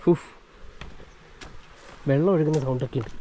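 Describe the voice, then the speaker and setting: A Malayali man narrates a casual travel vlog as he walks. He mixes English words into his Malayalam and has a mellow, relaxed tone. There is noticeable ambient noise around him. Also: on the high side, moderate pace. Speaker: travel vlogger. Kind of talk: casual walking vlog commentary. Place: walking around an old village outdoors.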